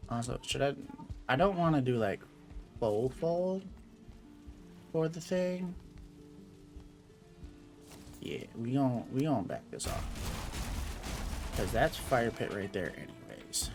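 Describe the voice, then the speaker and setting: A young man chats his way through a game stream in an easy, playful voice. His pitch sits in an ordinary middle range, and he talks back to his viewers between steps. Soft music plays faintly behind him. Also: sing-song, slow, gravelly, pauses often. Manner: playful, chatty, answers chat aloud. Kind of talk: casual gameplay chat.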